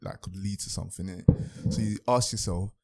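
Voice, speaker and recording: A man chats as a podcast guest in a slow, laid-back drawl. His voice sits fairly low, and he often repeats words as he tells a story. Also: vocal fry, a little mellow. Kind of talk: casual chat.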